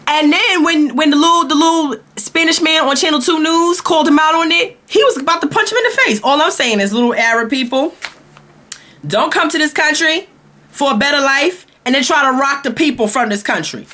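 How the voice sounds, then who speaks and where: A woman's voice: high-pitched, a little fast. A young woman from Brooklyn with a Brooklyn accent, delivering a sassy, exasperated comedic rant as a vlogger. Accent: Brooklyn New York. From Brooklyn, New York. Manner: sassy, animated, exasperated ranting.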